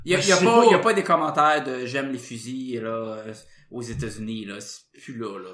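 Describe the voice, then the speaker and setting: A man with a Québécois French accent, hosting a casual podcast chat and talking in animated bursts with many restarts. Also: mid-range voice, fast talker. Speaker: podcast host. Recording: roomy echo.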